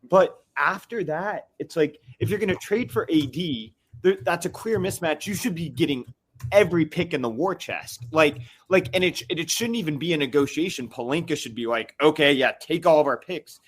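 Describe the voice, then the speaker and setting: A man's voice: on the high side, lively intonation, moderate pace, slightly rough. A man calling into a live fan podcast, fired up and venting in rambling bursts full of restarts and fillers. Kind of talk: casual venting chat.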